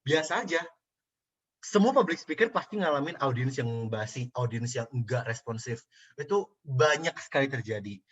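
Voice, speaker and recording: A young man giving a casual online public speaking class, answering questions in relaxed slang and dropping in English phrases. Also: medium pitch, normal speed, husky, lo-fi sound.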